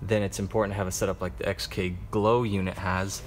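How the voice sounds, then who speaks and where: Tired low-voiced man hosting a live stream. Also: little pitch movement, a little fast, slight background noise. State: tired and out of breath. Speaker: car lighting shop host answering viewers. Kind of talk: live-stream Q&A while showing a build.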